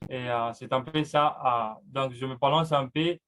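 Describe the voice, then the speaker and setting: A man's voice: medium pitch, fairly even intonation, normal speed, a bit bright. A man in his twenties speaking as a panelist, hesitant with many fillers. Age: 20s. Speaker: panelist, fitness project founder. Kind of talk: online panel talk.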